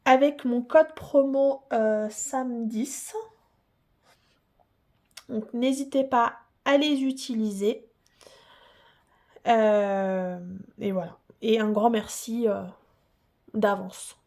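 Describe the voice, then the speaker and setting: Slow, gushing woman vlogger. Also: fairly high pitch, steady tone, a little mellow. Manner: gushing, repeats herself, many hesitant fillers. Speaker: hobby channel host. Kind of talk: casual unboxing vlog.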